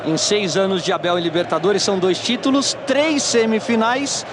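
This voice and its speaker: High-voiced Brazilian male football pundit. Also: moderate pace. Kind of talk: live match analysis. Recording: clear stadium noise behind the voice.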